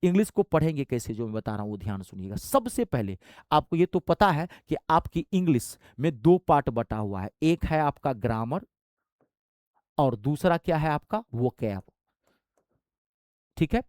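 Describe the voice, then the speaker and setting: Emphatic coaching teacher, lively delivery. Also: male voice, fairly high pitch, moderate pace, no room sound, clean studio sound. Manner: emphatic, exhorting, speaks straight to students. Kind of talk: motivational exam-prep lesson.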